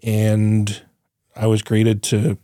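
A podcast co-host chats casually in a lowish, monotone, mellow voice, speaking very slowly and still sounding a bit congested and nasal. He rambles, swears freely, and laughs often, recorded clean and dry in a studio.

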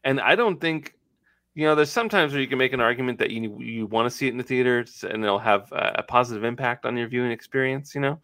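A man's voice: medium pitch, fast, pushed and bright, no echo. A man co-hosting a podcast in casual chat, blunt and swearing freely. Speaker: podcast co-host.

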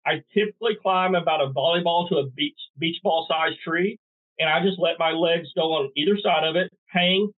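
A man's voice: on the high side, normal speed. A middle-aged man, a guest in a podcast interview, folksy with dry sarcastic humor. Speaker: guest bowhunter. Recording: tinny phone line.

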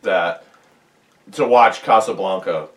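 A man's voice: low-pitched, takes it slowly, recorded from a distance. A man co-hosting a casual film chat, rambling and laughing through crude jokes. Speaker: podcast co-host. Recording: echoey room, a bit off mic.

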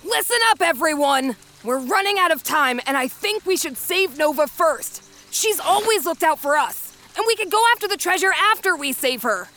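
High-voiced, earnest young team leader. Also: female voice, expressive, moderate pace, bright, forceful tone, heavily acted. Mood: determined. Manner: rallying, decisive. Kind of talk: animated cartoon character acting.

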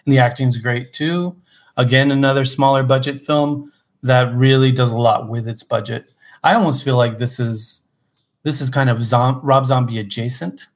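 A man co-hosting a podcast in casual chat, relaxed and enthusiastic, with lots of fillers and restarts. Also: medium pitch, moderate pace. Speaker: podcast co-host.

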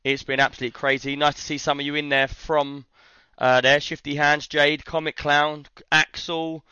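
British man, hoarse worn-out voice, bright edge, livestream host, casual chat, lo-fi sound. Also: on the high side, monotone, a little slow, dry recording. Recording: slightly dull, lo-fi stream audio.

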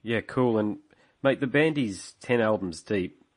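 A man with a fairly low voice and an Australian accent speaks as a podcast interviewer. His manner is blokey and informal, like a tradesman chatting to a mate, with plenty of local slang. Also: expressive, measured pace. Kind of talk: casual phone interview.

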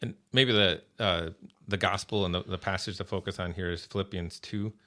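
A man appears as a pastor guest in a casual religious podcast conversation, speaking earnestly and often repeating words while he gathers his thoughts. His low voice has fairly even intonation, normal speed and a pushed, bright quality.

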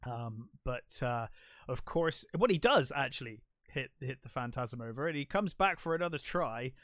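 A man co-hosting a podcast, chatting casually about a film and acting out quotes with lively, swearing humour. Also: medium pitch, moderate pace, dry recording, clean studio sound. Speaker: podcast co-host. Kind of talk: casual film review chat.

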